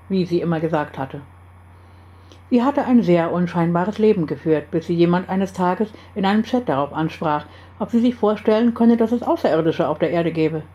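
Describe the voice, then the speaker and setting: A woman narrating a story aloud in an even, measured reading. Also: on the low side, muffled recording. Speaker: story reader. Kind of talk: scripted narration.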